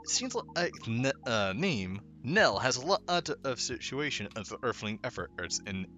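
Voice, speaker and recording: A man's voice: mid-range voice, very animated, a little slow, bright, forceful tone, faint music behind. A man voicing a friendly alien visitor in a game, who speaks formally and a little stiffly, always as "we". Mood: cheerful. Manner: upbeat, formal, slightly stilted phrasing.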